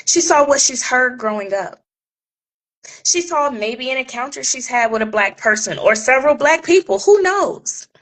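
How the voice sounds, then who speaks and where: A woman's voice: high voice, expressive, normal speed, a bit bright, rough recording. A woman vlogger speaking straight to her viewers in an impassioned, emphatic way, repeating phrases for effect. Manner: talks straight to viewers, calling them "y'all". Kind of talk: direct-to-camera commentary.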